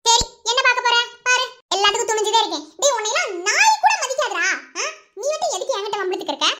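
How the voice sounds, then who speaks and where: A woman voicing a bold, sharp-tongued young village woman in an animated cartoon, scolding in a Madurai Tamil accent. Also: very high-pitched, noisy background. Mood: scornful. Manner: scolding, fast, defiant.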